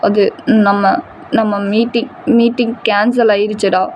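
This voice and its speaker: A woman's voice: mid-range voice, little pitch movement, unhurried, a little mellow, a little hiss or hum, lightly acted. A woman voicing an anxious young man, a loyal friend, who talks in a worried, pleading way.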